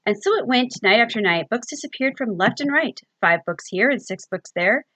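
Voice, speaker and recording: Lively, breathy librarian reading aloud. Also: female voice, a little high, normal speed, dry recording, low-quality recording. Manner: expressive, sing-song storytelling with questions to young listeners. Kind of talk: reading a picture book aloud to children.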